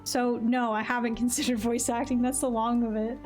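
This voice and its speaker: A woman's voice: fairly high pitch, fairly even intonation, normal speed, darkish tone, faint music behind. A young woman streaming a game, chatting in a casual, self-deprecating way and laughing often. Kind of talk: casual chat while playing a game.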